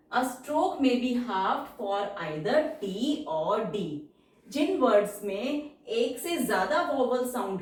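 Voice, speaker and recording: A woman guides viewers through a shorthand lesson at an unhurried, deliberate pace, spelling out every stroke and repeating each example word. Her voice sits a little high. She sounds set back from the mic in a strongly echoing room. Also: distant mic. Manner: patient, explains each stroke and repeats words. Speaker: shorthand teacher. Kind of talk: slow step-by-step tutorial.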